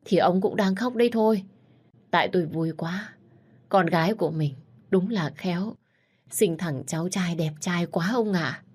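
A woman's voice: normal speed, breathy edge. A woman voicing an emotional old grandmother who exclaims with joy and tears in a storybook reading. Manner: exclaiming, higher and louder.

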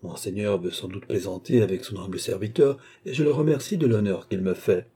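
A man's voice: fairly low pitch, a little fast, dark tone, breathy edge. A man voicing a dignified butler who speaks in formal, deferential yet stubborn tones, read as an audiobook character. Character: stiff, dignified male butler, middle-aged.

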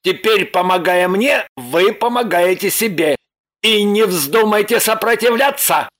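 A man's voice: high voice, a little slow, fairly bright tone. A man voicing a pushy, demanding man on the run in an audiobook, blunt and insistent. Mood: insistent, bossy. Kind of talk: audiobook character voice.

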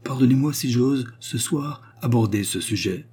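A grave, secretive old man in a storybook reading, as a man reading aloud puts him on, humble and respectful. The voice sits higher than the reader's own and keeps a husky, dark tone. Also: moderate pace.

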